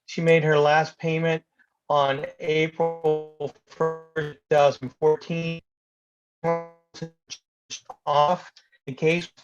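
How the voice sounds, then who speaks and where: A man's voice: level tone, over music. A man, a plaintiff's attorney, formally presenting a case over a remote video call whose audio comes through robotic and choppy. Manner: formal, measured, reads case details. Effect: robotic, choppy low-quality call audio. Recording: muffled lo-fi video call line.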